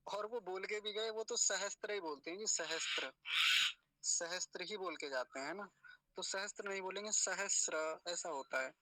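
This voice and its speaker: A man giving a spoken lesson on pronunciation, slowly sounding out each syllable and patiently repeating words so listeners can copy them. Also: sits high, bright, forceful tone, no echo. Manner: slow, deliberate syllable-by-syllable demonstration. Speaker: Sanskrit pronunciation teacher.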